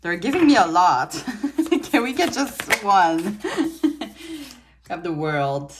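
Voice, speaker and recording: Seated indoors at a trinket-strewn table, a French-speaking woman from Quebec reads tarot casually in her native Quebec accent. She talks slowly but with lots of animation in a mid-range voice, and there's background noise. Chatty yet a bit weary, she laughs a lot and keeps starting her sentences over.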